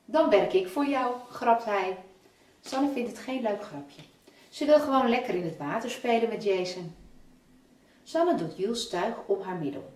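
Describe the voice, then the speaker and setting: A woman's voice: mid-range voice, animated, darkish tone. Woman reading a children's story aloud in a roomy space. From Netherlands. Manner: measured storyteller's narration. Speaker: children's author. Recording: roomy, from a distance.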